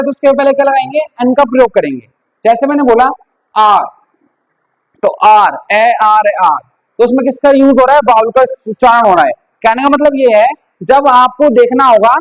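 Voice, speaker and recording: A man's voice: very high-pitched, poor audio. A man teaching English grammar, asking questions and answering them himself. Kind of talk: classroom grammar lesson.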